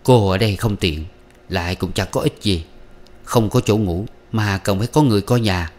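A man's voice: on the low side, normal speed, a little mellow, close to an everyday voice. A man reading aloud, voicing a firm, caring eldest brother who speaks in a commanding way.

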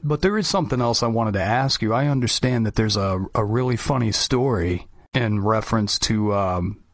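A man's voice: fairly low pitch, moderate pace, no room sound. Laid-back male host, dry sound. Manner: enthusiastic, laid-back fan talk. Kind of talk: casual interview.

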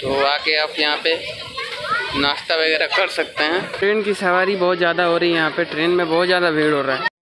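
A man's voice: a little high, steady tone, brisk. A young man vlogging on a walking tour of a lakeside park, chatting to viewers as he points things out and filming on a phone at arm's length. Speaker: travel vlogger. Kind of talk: casual walking tour vlog. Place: outdoor park by a lake, crowded. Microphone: phone camera held at arm's length. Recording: loud crowd and music around. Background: loud crowd chatter and music.

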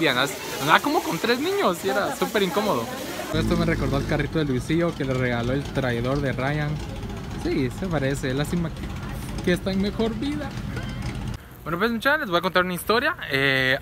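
A young man from Guatemala, chatting casually in a rambling vlog full of fillers and restarts while out and about. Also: a little high. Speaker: vlogger. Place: out and about, market and home.

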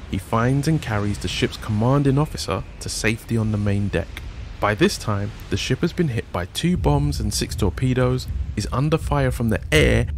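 A man's voice: medium pitch, slight background noise. A man hosting a podcast, narrating history from a script with wry, sardonic asides. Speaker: podcast host.

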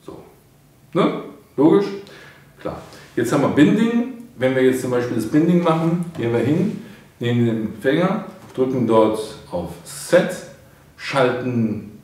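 Speaking informally from a studio desk with a painted backdrop, this middle-aged man reviews a product for hobbyists, guiding viewers one step at a time. His mid-range, darkish voice is very animated yet a little slow, with long pauses. The recording is heavily echoey, with the microphone well off.

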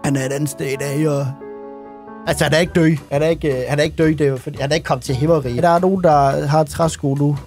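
A man's voice: on the high side, steady tone, darkish tone, soft background music. A man reacting to memes about himself in a casual, crude comedic rant, swearing and rambling as he jokes. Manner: swears a lot, rambling, joking.

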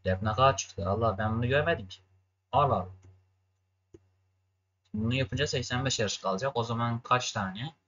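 A man's voice: mid-range voice, brisk, long pauses, a bit bright, highs cut off. A young man from Turkey commentating his racing game for viewers, ranting and cursing at it in frustration. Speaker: gaming streamer. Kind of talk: gameplay commentary.

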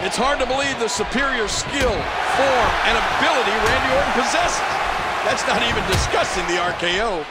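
Very high-pitched excitable wrestling commentator. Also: male voice, normal speed, over loud music. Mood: animated. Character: excitable male wrestling commentator in video game. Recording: loud arena crowd noise behind.

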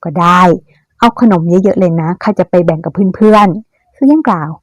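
A woman's voice: lowish voice, animated, moderate pace, no echo. Woman doing a sulky, teasing young husband. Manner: grumbling, mock-reluctant.

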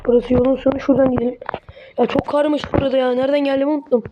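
A woman's voice: sits high, level tone, racing, muffled recording. A woman giving casual commentary on a horror game, muttering to herself and swearing when startled. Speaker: gamer playing a horror game. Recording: noisy home recording.

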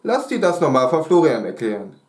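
A man's voice: medium pitch, sing-song, brisk, darkish tone, lightly acted. A man voicing a strict woman schoolteacher in a read-aloud story, firm and questioning. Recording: roomy echo.

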